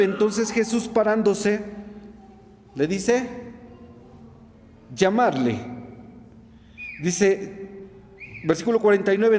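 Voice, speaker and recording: A man's voice: high-pitched, darkish tone, big-room sound, a little hiss or hum. A man preaching a sermon to his congregation, asking them rhetorical questions. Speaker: pastor.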